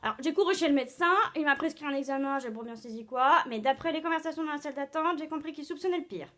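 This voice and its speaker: A woman's voice: high voice, quick pace, fairly bright tone. Woman playing a dramatic, complaining aunt. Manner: breathless, dramatic storytelling with many fillers. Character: chatty hypochondriac older aunt on a video call. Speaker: drama student. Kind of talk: stage monologue acting.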